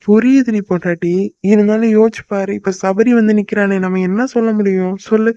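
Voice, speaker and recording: Man as a fretful cartoon husband, quick mid-pitch patter, muffled lo-fi recording. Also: fairly even intonation, warm tone, clean tone, no room sound, close to an everyday voice. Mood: calm. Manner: fast, scolding then soothing. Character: young husband, fretful but soothing.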